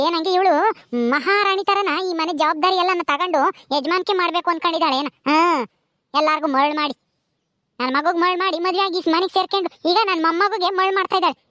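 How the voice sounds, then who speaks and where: A woman's voice: very high-pitched, fairly bright tone, no echo, clean studio sound. A woman voicing a harsh, suspicious old mother-in-law who scolds and taunts. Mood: scolding.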